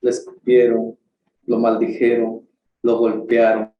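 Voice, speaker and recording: A man preaching a sermon in church, earnest, rising in pitch for emphasis and often restarting his sentences. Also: completely flat delivery, a little slow, lo-fi sound. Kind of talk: sermon over an online stream. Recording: echoey room with faint background hiss.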